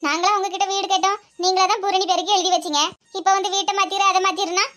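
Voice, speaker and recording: A woman voicing a scheming, greedy middle-aged mother-in-law with a Tirunelveli Tamil accent, scolding and sharp-tongued. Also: very high voice, flat delivery, quick pace. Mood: indignant. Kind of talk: cartoon comedy voice acting.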